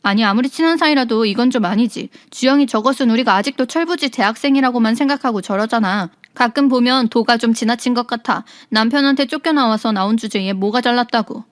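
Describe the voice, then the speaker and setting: A woman's voice: on the high side, fast talker, few pauses, no room sound, clean studio sound, lightly acted. Woman reading as a blunt cranky husband, snaps and scolds. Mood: angry. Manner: curt, scolding. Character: short-tempered young husband, gruff and blunt.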